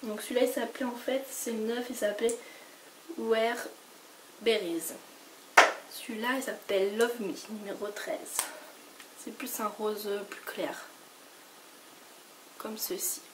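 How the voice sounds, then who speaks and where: A woman from France with a sick, hoarse voice, chatting casually through a makeup haul and rambling with lots of fillers and restarts. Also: fairly high pitch, steady tone, unhurried, long pauses. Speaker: beauty vlogger. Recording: noisy home recording.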